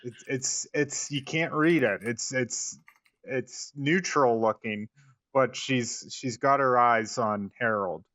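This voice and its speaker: A man narrating his character's actions in a tabletop game, slow and halting. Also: medium pitch, sharp tone, no room sound. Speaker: player.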